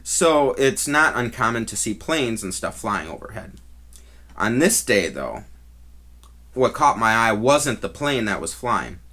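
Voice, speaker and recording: A man's voice: mid-range voice, sing-song, sharp tone. Rambling man telling a story casually. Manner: rambling and halting, with trailing restarts. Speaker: vlogger. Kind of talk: casual first-person storytelling.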